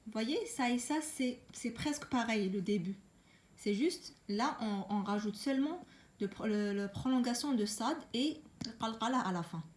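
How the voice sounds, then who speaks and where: A woman leads a Quran reading lesson, explaining each sound with patience. Her voice sits a little high, and she chants the letters louder, repeating them slowly for her learners. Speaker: Quran recitation teacher.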